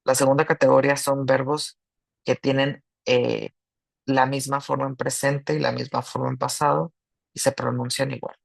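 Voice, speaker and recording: A man's voice: medium pitch, flat delivery, gravelly, no room sound, rough recording. A man teaching an online grammar lesson, explaining patiently in two languages with small restarts. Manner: slow and patient, switching between Spanish and English, with restarts. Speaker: English teacher.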